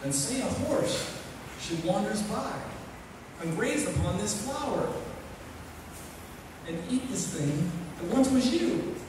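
A folksy cowboy storyteller played by a man recites poetry in a drawn-out cowboy drawl. The voice sits a little high and comes from far off in a very echoey hall. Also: lively intonation, background noise. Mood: folksy, wry. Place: large hall, filmed from audience. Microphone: handheld microphone through speakers.

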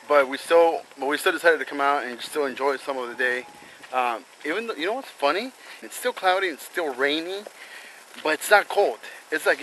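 A man's voice: a little high, bright, forceful tone, slight background noise, low-quality recording. A man talking casually to the camera as a family vlogger, chatty and friendly, speaking straight to his viewers. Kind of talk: casual vlog talk to camera.

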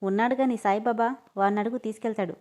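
A woman's voice: fairly high pitch, steady tone, fast, close to an everyday voice. Woman reading as a curt bossy young man. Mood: mocking. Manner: sharp, commanding, teasing. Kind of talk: storybook reading.

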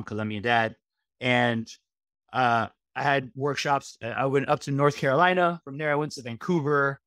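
A man's voice: medium pitch, no echo. Middle-aged male guest, easygoing, rambling lists, headset on a video call, dry close sound. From Miami, USA. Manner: relaxed, rambling lists with frequent fillers. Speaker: guest, registered dietitian. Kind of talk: casual interview chat. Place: home room, video call.

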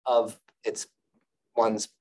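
A middle-aged man gives an academic lecture over slides on a video call, thoughtful and measured, often pausing on filler sounds. His voice sits fairly low and he is a little distant from the webcam mic, so the sound is slightly far off. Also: monotone, slight background noise. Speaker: lecturer on Buddhist poetry.

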